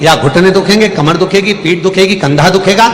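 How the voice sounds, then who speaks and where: A man giving a devotional story sermon as a religious storyteller, telling the tale in an animated way. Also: high voice, fairly quick. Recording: echoey hall with faint music.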